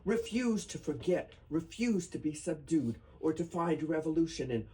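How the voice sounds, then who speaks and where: A man giving a solemn poetry reading at a memorial, with deliberate, emphatic phrasing. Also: fairly high pitch, animated, mellow. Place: bookstore reading event before a small audience. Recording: noisy live room recording.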